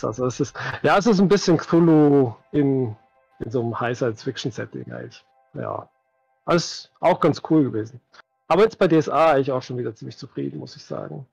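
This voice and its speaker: Husky and darkish with vocal fry, this middle-aged man's medium-pitched voice comes through a headset in a dry, dull recording. He's a tabletop game master being interviewed over a video call from home, talking casually and thoughtfully while hedging, with faint music in the background.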